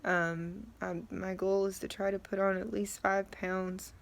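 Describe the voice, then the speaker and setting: A woman's voice: medium pitch, flat delivery, a little slow, gravelly. A middle-aged woman talking casually and matter-of-factly to camera, her throat sore as she recovers from tonsil surgery. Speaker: vlogger.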